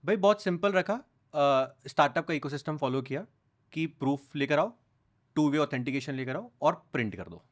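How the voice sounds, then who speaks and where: A young man speaks as a podcast guest, his voice sitting a little high for a man. He tells his stories with animation and slips English phrases into casual talk. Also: normal speed. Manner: animated storytelling, mixing English into speech. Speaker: news content creator, guest.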